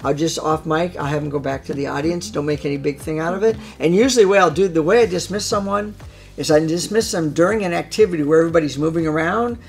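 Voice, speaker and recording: A man's voice: on the high side, fast, gravelly, a little mellow, faint music behind. A man explaining his craft as a hypnosis trainer in an interview, emphatic and repeating phrases for stress.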